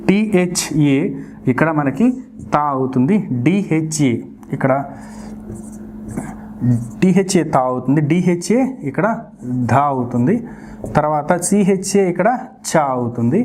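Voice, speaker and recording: A woman's voice: deep voice, dark tone, slight background noise. A woman teaching a spoken English pronunciation lesson, patiently repeating each sound in a drill and explaining it directly to her learners.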